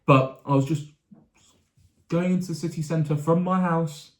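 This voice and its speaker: A man's voice: a little high, fairly even intonation, unhurried. Chatty young man in a roomy echo. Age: young adult. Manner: chatty and rambling, with restarts and asides. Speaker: sports vlogger. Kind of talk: casual sports chat.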